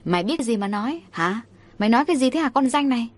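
A woman's voice: fairly high pitch, expressive, quick pace. A woman playing a harsh scolding mother. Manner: scolding, sharp, impatient. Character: harsh short-tempered middle-aged mother.

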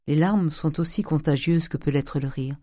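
A man narrating a classic novel in a steady, measured reading voice. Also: fairly high pitch, no room sound, clean studio sound. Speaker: audiobook reader. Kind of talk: scripted narration.

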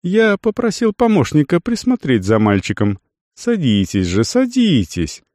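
A male reader voicing a fawning, scheming merchant who coaxes and insists in a sugary, drawn-out way. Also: a little high, huge pitch swings, a little mellow, no echo, studio quality, voice pushed up. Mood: coaxing.

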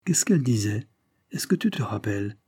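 A man's voice: lowish voice, very animated, normal speed, warm tone, husky, no echo, studio quality, exaggerated voice. A man reading a short story, voicing an anxious, jealous wife who questions a child in a trembling voice. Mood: anxious probing. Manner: hesitant, probing questions in a trembling voice. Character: anxious jealous woman, middle-aged wife.

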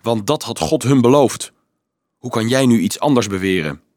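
A man's voice: medium pitch, expressive, moderate pace, darkish tone, dry recording, clean studio sound, natural voice. A man reading a strong young camp guard who challenges the leader with indignant conviction.

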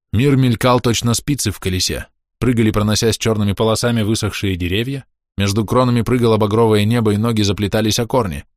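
A man narrating a dark story in a measured, tense reading voice. His voice sits on the low side and is recorded dry and close, with no room around it. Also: no echo. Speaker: audiobook narrator. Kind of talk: dramatic audiobook reading.

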